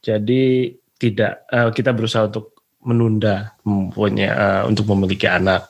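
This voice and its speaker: Male guest, 40s, from Indonesia, low voice, hesitant delivery. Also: flat delivery, vocal fry. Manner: slow, hesitant, with many fillers. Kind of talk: casual conversation.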